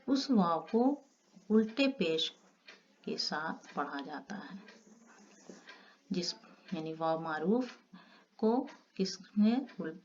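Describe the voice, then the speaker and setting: A woman teaches a grammar lesson at an unhurried pace, explaining each point step by step and stretching out the example words. Her voice sits a little low. The recording is dull and lo-fi, with a faint hiss underneath. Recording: dull lo-fi audio with faint noise.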